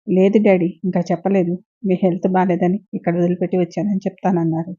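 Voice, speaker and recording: A woman's voice: lowish voice, flat delivery, quick pace, warm tone, slightly rough, no room sound. Woman reading as a weary, hurt young wife. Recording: dull lo-fi recording.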